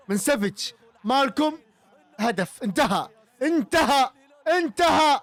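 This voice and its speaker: A young Saudi man with a Gulf Arabic accent, reacting loudly to a football match as a streamer, shouting and teasing rival fans. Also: very high-pitched, dry recording. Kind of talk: excited live match reaction.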